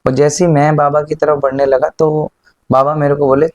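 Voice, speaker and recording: A man tells his own story in an earnest, unhurried way, slipping English words into his Hindi. His voice is dark and mellow. The sound is dry and close, with no room echo. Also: a little high, level tone, muffled recording. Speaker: devotee sharing a personal experience. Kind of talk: casual testimony.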